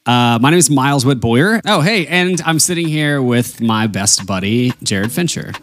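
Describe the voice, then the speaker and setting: A man hosting a casual podcast in a folksy way, often pausing to think aloud as he talks to listeners. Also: medium pitch, lively intonation, fairly bright tone, slight background noise. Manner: folksy, addresses listeners as y'all. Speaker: podcast host; wedding and portrait photographer.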